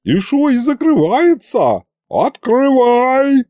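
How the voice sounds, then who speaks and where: A man voicing a brash, indignant older woman who shouts in folksy dialect speech. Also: high voice, wildly swooping pitch, slow pace, dry recording, clean studio sound, voice pushed up, heavily acted.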